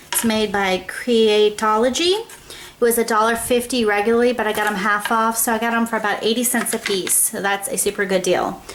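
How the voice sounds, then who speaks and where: Chatty and relaxed, this craft show host walks her audience through each step of a project, regularly tossing in a quick "okay?". Her voice is a little high and a bit bright, and there's slight background noise.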